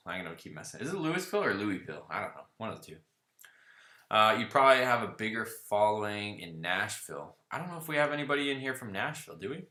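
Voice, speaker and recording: A medium-pitched man with a sharp tone, heard in a roomy space, hosts a car channel livestream. During a casual live Q&A he reads chat comments out loud and responds loosely, riffing in a laid-back manner.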